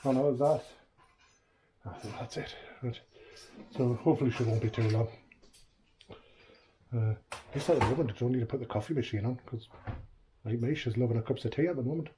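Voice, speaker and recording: A man's voice: mid-range voice, a little fast, pauses often, background noise. Man, middle-aged, casual vlog talk, rambling and unpolished, living room, faint background ambience. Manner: rambling, chatty, trailing off mid-sentence. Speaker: vlogger. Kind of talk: casual home video diary.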